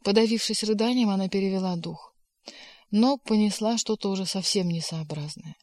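A woman reads an audiobook in a measured, steady narrating voice. Her pitch sits in the middle, and the dry, close recording has no room sound. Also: no echo. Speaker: audiobook reader. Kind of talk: scripted narration.

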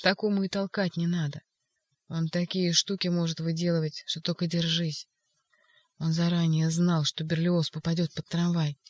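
A reader voicing an agitated young male poet in an audiobook, shouting insistent outbursts. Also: mid-range voice, level tone, normal speed, no echo, lightly acted. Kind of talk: audiobook character voice.

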